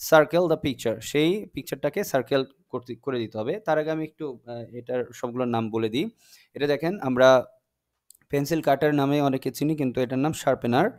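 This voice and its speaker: A young man teaching a class, explaining sounds patiently and repeating them slowly for drilling. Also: medium pitch, fairly even intonation, darkish tone, no echo, clean studio sound.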